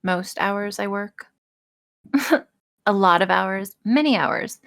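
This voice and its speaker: Taking her time, a woman with a medium-pitched, creaky, slightly bright voice chats frankly as an interview guest. A voice actress and audio creator, she's self-deprecating and swears freely.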